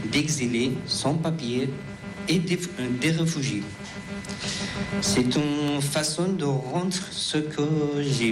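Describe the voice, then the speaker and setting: A man in his thirties with an Afghan accent reads his testimony at a very slow, careful pace. His voice sits at an ordinary middle pitch, and he stops and restarts words. Clear music plays behind him. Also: rough recording. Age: 30s. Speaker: refugee giving testimony. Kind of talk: reading a prepared testimony.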